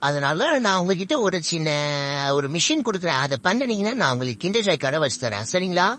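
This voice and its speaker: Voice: medium pitch, big pitch swings, a little fast, fairly bright tone. A performer voicing a friendly shop owner who politely makes an offer in a fan game dub.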